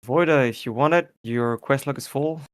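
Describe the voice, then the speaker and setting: A man from France, teasing his friends with deadpan quips in a gaming voice chat. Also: medium pitch, normal speed. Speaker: gamer in group voice chat. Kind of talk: casual gaming banter.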